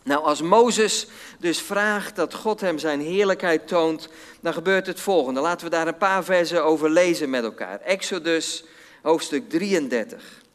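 A man preaches a sermon in a fairly high voice, reading scripture slowly and solemnly before explaining it plainly. His voice carries a long reverb, as if spoken in a large church hall. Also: a bit bright.

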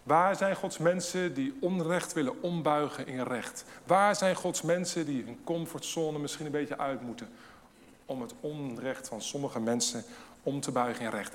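A man preaching a sermon with emphasis, asking rhetorical questions and swinging between loud and hushed delivery. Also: a little high. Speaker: pastor. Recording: long hall reverb.

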